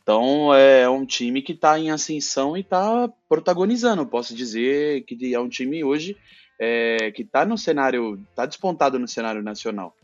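A man's voice: mid-range voice, expressive, normal speed, highs cut off, soft background music. A man on a podcast panel chatting casually about football, using slang and repeating his phrases.

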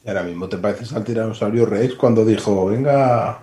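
A man's voice: lowish voice, fairly even intonation, quick pace, mellow, slight background noise. A man chatting on a podcast, throwing in jokes and silly tangents. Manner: joking interjections and silly tangents. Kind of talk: casual chat.

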